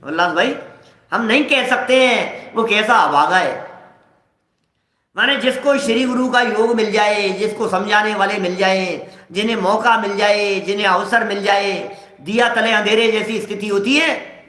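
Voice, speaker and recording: A man's voice: sits high, unhurried, bright, forceful tone, roomy sound. A man giving a scripture discourse to a live audience, asking rhetorical questions and acting out everyday examples. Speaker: scripture lecturer.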